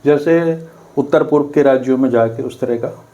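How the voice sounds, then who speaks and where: Middle-aged male guest from Uttar Pradesh, mellow tone, measured and dryly ironic. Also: medium pitch, dull audio. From Uttar Pradesh, India. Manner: measured, dryly ironic, clears throat often. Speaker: guest commentator. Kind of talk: political discussion.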